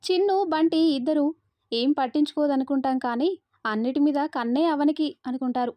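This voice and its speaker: A woman narrating a story in a steady, expressive reading voice. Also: high-pitched, brisk, no room sound.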